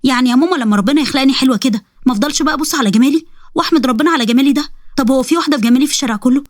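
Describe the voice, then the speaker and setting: A woman's voice: high-pitched, racing, dry recording, studio quality, lightly acted. A woman with an Egyptian accent voicing a vain, giddy teenage girl who squeals and admires herself. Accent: Egyptian Arabic.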